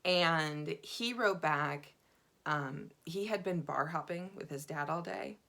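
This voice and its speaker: A woman vlogger telling a dating story in a chatty, animated way, full of fillers. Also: deep voice, slow pace, creaky. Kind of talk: casual dating storytelling to camera.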